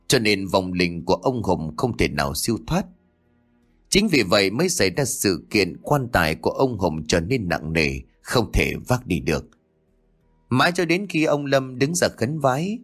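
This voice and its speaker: A man narrating a ghost story in a dramatic, expressive way. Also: lowish voice.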